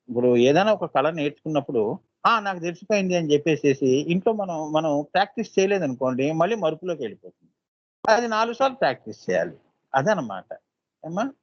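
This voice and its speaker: Slowly chanting seed syllables and frequently checking with listeners by asking "right?", a man delivers a devotional discourse as a spiritual teacher. His slightly high voice has a darkish tone, and the recording has no room sound and its highs cut off.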